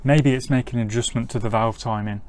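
A middle-aged man, a mechanic by trade, explains a technical task step by step in a casual tutorial on a driveway outdoors. His slightly mellow mid-range voice moves at a quick pace with fairly even intonation, and ambient noise is clear.

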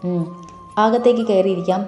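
A woman's voice: medium pitch, a little fast, darkish tone, roomy sound, soft background music, lightly acted. A woman voicing a protective young man who speaks curtly and firmly, in an audio story. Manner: firm, curt. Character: young man, protective husband, controlled anger.

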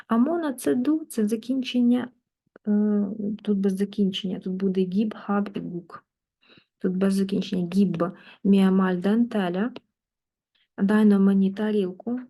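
Woman language teacher, unhurried delivery, warm dark tone, patient step-by-step explaining. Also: mid-range voice. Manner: patient, works through exercises step by step, repeats words slowly. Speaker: German teacher. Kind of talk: online language lesson, explaining in Ukrainian.

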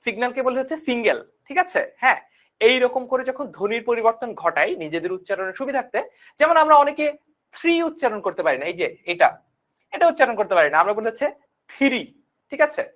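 A woman's voice: fairly high pitch, big pitch swings, quick pace, a bit bright. A young woman teaching an online class, repeating key points and often checking that students follow. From Bangladesh.

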